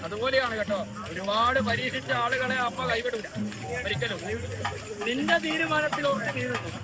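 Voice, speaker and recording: A man's voice: very high voice, normal speed, over loud music. A man with a Kerala accent speaking as a possessed oracle, exhorting and blessing devotees in repeated set phrases.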